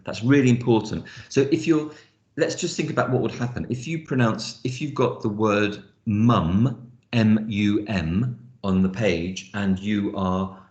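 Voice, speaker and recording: A man with a received pronunciation accent speaks in a low voice, earnestly explaining phonics with halting repeats. His audio is dull and lo-fi, with a roomy echo. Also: a little mellow. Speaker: phonics trainer. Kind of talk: online teaching session. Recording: echoey, dull lo-fi call audio.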